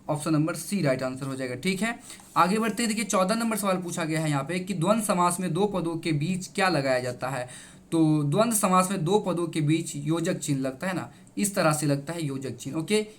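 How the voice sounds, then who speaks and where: A male teacher explaining exam answers. He repeats each answer and keeps addressing his students, in an emphatic, reassuring way. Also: on the high side.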